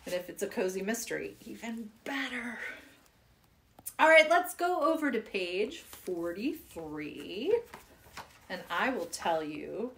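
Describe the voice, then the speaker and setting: A woman's voice: mid-range voice, sing-song, slow pace, a bit bright. A woman reading children's poems aloud in a playful, giggly way. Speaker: poetry reader.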